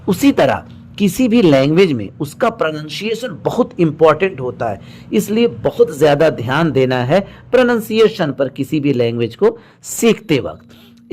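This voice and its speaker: Man teaching pronunciation, slightly high voice. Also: a little mellow. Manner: patient, drills word lists slowly with corrections. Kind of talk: explanatory lesson.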